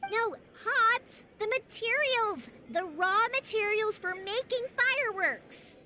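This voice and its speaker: An actress playing a warm-hearted, chatty young woman in a video game, energetic and friendly. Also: extremely high pitch, slow pace, slight background noise, heavily acted. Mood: urging. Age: young adult. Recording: music behind.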